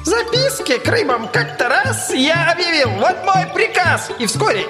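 Squeaky, haughty Humpty Dumpty. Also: big pitch swings, normal speed, big-room sound. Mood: reciting. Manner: squeaky, rude and boastful, reciting verse. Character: grumpy, haughty egg-shaped male Humpty Dumpty. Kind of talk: audiobook character voice. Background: background music.

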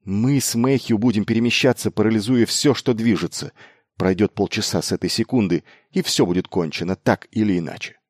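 A man voicing a brash, quick-witted young male noble commander who talks insistently and urgently. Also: lowish voice, darkish tone, no room sound, clean studio sound, close to an everyday voice. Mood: grim urgency.

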